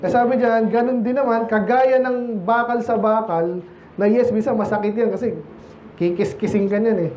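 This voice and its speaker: High-voiced Filipino preacher in an echoey church. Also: male voice, fairly even intonation, moderate pace, darkish tone, a little hiss or hum. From Philippines. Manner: conversational, teasing, many rhetorical questions to the congregation. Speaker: pastor. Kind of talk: sermon. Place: church sanctuary. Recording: echoey, muffled church recording.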